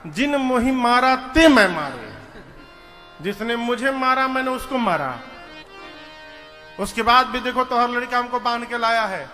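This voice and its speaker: A man voicing a bold, witty monkey god messenger who gives cheeky, calm retorts in a sermon. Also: very high voice, exaggerated voice. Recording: reverberant hall with music.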